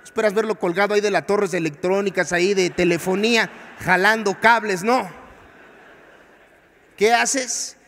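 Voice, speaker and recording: A young Mexican man performs stand-up into a handheld mic, his voice riding high in pitch. He slips into hushed asides and then erupts into loud, exaggerated rants. The sound carries a long theater reverb. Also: steady tone, moderate pace, pauses often, a little hiss or hum. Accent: Mexican Spanish. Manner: swings from low asides to loud mock outbursts. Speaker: stand-up comedian. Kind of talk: stand-up comedy set. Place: large theater stage.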